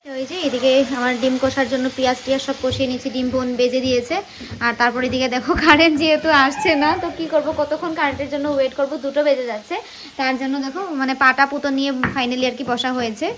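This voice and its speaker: A high-voiced woman with a Bengali accent talks fast through a casual cooking vlog. Her running commentary is chatty and teasing, recorded on a phone at home with faint frying sounds behind. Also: little pitch movement, noisy background. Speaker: vlogger. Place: home kitchen and outdoor yard.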